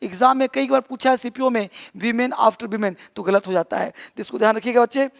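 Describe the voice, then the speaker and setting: A man's voice: very high-pitched, fairly quick, vocal fry, in a large hall. A man teaching an English grammar class online, explaining step by step and often calling his students children.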